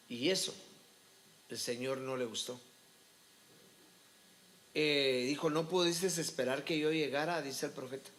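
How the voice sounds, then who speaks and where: A man's voice: on the high side, fairly bright tone. A male pastor preaching a sermon, telling his story and calling listeners brother. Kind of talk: sermon testimony.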